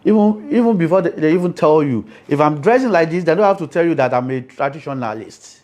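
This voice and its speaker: Here the Ifa priest talks fast, his fairly high voice expressive and a little mellow. As an interview guest with a Nigerian Yoruba accent, he lays out his points with emphasis and keeps asking whether the listener follows.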